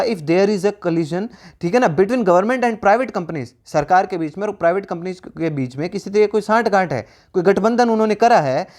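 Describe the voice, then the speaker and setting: A man's voice: on the high side, a little mellow. Hindi-speaking man teaching English idioms. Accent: Indian English. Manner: explains step by step, mixing English phrases into Hindi; asks rhetorical questions to the class. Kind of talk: recorded vocabulary lesson.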